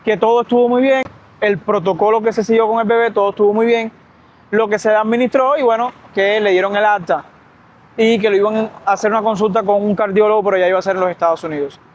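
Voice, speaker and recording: Fast-talking Cuban man telling a story. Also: high-pitched, fairly even intonation, lo-fi sound, a little hiss or hum. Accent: Cuban Spanish. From Cuba. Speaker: doctor and vlogger. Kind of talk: storytime vlog. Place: outdoors by a street, walking.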